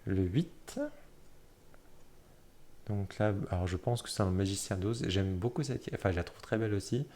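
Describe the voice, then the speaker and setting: A man casually flipping through a tarot deck, talking in a hesitant way with many fillers and self-corrections, often pausing to admire a card. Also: fairly low pitch, slight background noise. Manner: admiring, soft-spoken commentary.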